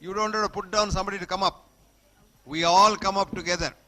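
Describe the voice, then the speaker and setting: Fast and sharp-toned, his high voice stays fairly even in intonation. He is a guest speaker with a Telugu Indian accent, emphatically giving schoolchildren a motivational talk full of repeated short maxims while checking they keep up.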